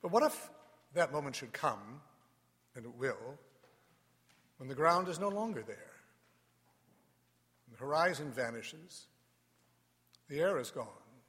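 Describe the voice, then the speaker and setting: A man speaking as a priest in a large, echoing church, reading scripture and preaching in a solemn, deliberate way with pauses. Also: mid-range voice, fairly bright tone. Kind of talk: Gospel reading and homily.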